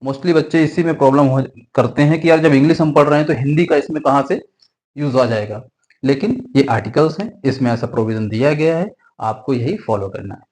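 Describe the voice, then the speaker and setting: A man's voice: medium pitch, brisk, darkish tone, rough recording. A man teaching a grammar lesson, often asking a question and then answering it himself, and repeating the key rules. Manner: mixes Hindi with English grammar terms.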